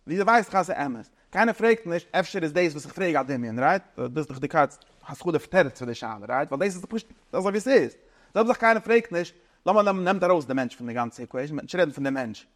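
Man lecturing, higher-pitched and searching. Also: big pitch swings, fairly bright tone. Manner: searching, halting, mixes in English terms. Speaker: teacher. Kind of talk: informal philosophy lecture.

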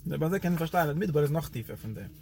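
A man's voice: racing, gravelly, slight background noise. A man teaching a Torah lecture in a loose, rambling way, his voice jumping up and down for emphasis. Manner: animated, pitch jumps up and down for emphasis.

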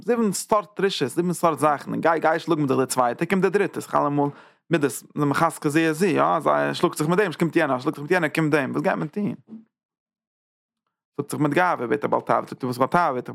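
A man teaching a Torah lecture as a rabbi, repeating phrases and checking in with quick "ja?" asides. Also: medium pitch, vocal fry, no echo, studio quality. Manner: tags points with quick "ja?" checks; repeats and restarts phrases while building an idea.

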